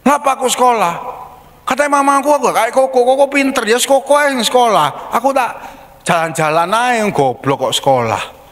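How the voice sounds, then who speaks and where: A man's voice: very high voice, lively intonation, a little fast, fairly bright tone, long reverb tail, voice pushed up. A man voicing a sulky young boy who refuses to go to school, in a sermon story.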